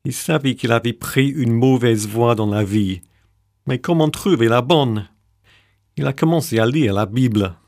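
A man hosting a Bible reflection show, reading his scripted narration in a measured, composed way. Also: mid-range voice, a little mellow, no echo, clean studio sound. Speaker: radio show host.

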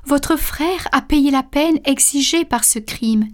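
A woman voicing a stern male judge in a storybook reading, speaking formally and deliberately. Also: sits high, voice pushed up. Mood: solemn.

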